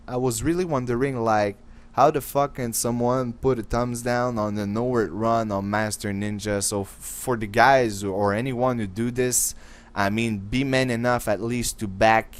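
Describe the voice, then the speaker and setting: A man's voice: mid-range voice, clear, resonant tone. A young man giving casual, rambling voice-over commentary over a game walkthrough as the channel's host. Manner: casual, rambling, filler-heavy talk.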